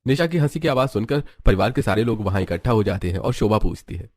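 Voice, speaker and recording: A man's voice: fairly low pitch, animated, fast, a little mellow, dry recording, clean studio sound. A man narrating a cartoon story in a plain, scripted storytelling style.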